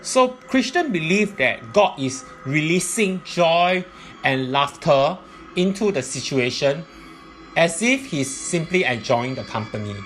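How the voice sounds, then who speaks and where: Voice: mid-range voice, sing-song, measured pace, fairly bright tone, faint music behind, poor audio. A presenter giving explanatory religious teaching in a methodical, point-by-point way.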